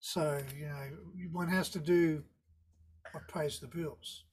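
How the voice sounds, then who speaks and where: A man's voice: fairly high pitch, fairly even intonation, slow pace, darkish tone. A middle-aged or older man with a Tasmanian Australian accent, chatting casually as an interview guest in a laid-back, slangy, wry way. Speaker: guest, surf photographer.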